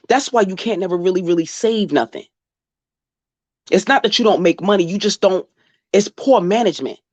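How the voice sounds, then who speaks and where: A woman's voice: mid-range voice, no echo. A woman lays into her subject in casual, profane commentary, scolding bluntly and directly. Her voice sits in an ordinary middle register. The sound is dry and slightly dull and lo-fi. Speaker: commentary vlogger.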